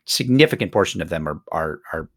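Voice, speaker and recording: A man's voice: deep voice, lively intonation, brisk, a bit bright. A man co-hosting a podcast in casual political talk, tired from an early start, often stammering and repeating words as he begins. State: tired, up since early morning. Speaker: podcast co-host.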